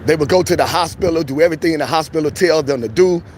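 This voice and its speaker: A man with a fairly high voice that has gone hoarse talks to people outdoors on a city street. He greets them with upbeat slang and keeps the chat loose and friendly. A faint hum of city noise sits behind him. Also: fast talker. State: losing his voice. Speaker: street vlogger.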